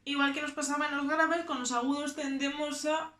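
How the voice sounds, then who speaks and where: A woman from teaching a choir vocal lesson, explaining technique slowly and demonstrating sung exercises and animal sounds. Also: sits high, flat delivery, pushed and bright, roomy sound.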